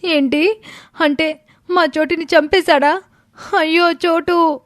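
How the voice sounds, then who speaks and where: Woman as anxious young friend, high voice, dry close sound, worried questions, cartoon story. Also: fairly even intonation, slow pace, no room sound. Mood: alarmed. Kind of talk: animated storybook voice acting.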